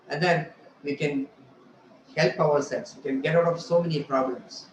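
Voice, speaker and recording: A man gives an informal spiritual lesson, often asking "right?" and slipping into the voices he quotes. His voice sits a little high for a man. The recording has a roomy echo and a faint noise underneath. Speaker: spiritual teacher. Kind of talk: conversational religious lecture.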